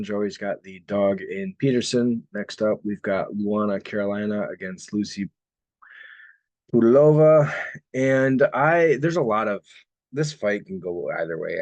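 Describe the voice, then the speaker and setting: On a sports betting podcast, a male co-host with a lowish voice talks at normal speed in a relaxed, conversational way, steering the discussion from one fight to the next. The recording is dry and dull.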